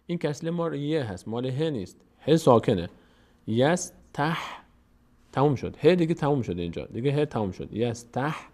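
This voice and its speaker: A man teaching recitation step by step, with a voice of ordinary pitch for a man. He patiently repeats each word slowly and stretched out, then runs through the rule at a brisker clip. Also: expressive, dark tone. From Tajikistan. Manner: patient, repeats words slowly and drawn out, then explains quickly.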